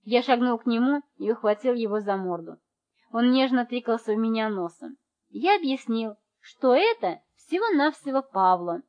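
Woman narrating a lively audiobook. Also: fairly high pitch, normal speed. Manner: lively, acting out the family's voices. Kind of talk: scripted narration. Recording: dull lo-fi recording.

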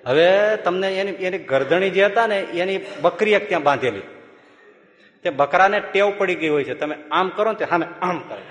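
Monk preaching in an echoey hall. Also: male voice, high voice, normal speed, background noise. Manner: lively storyteller, chuckling through funny anecdotes. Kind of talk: sermon with folksy storytelling.

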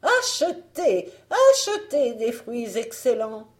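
A woman voicing a vain, murderous queen out of a storybook. She is shrill and loud, pitched high above a dark, mellow reading voice, and slow and sly in her wheedling. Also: big pitch swings. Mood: coaxing, false. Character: wicked vain queen, furious and scheming. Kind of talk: audiobook fairy tale reading.

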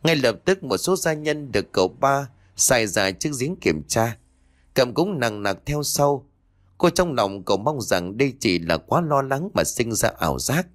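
Male storyteller, ghost story narration, expressive, lively pitch, mid voice. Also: measured pace.

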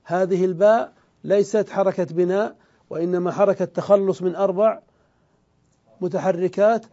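A man teaching an Arabic grammar lesson, explaining step by step, asking questions and answering them himself, and drawing out the example words slowly. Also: high-pitched, fairly even intonation, dark tone, lo-fi sound. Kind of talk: classroom grammar lecture.

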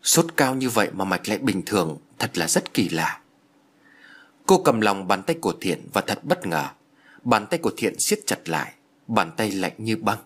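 Male audiobook narrator, husky, lively intonation, dramatic storytelling. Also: fairly low pitch, moderate pace. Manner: expressive, dramatic.

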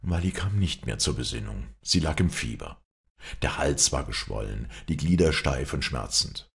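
Male audiobook narrator, deep voice with gravel, lively delivery. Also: moderate pace. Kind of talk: scripted narration.

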